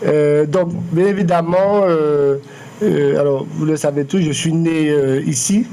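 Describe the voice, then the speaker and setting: A man in his late forties from Martinique, an artist answering interview questions in a measured, hesitant way with many fillers and restarts. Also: a little high, dark tone, a little hiss or hum. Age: 40s. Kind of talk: public interview, hesitant and reflective. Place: lecture room.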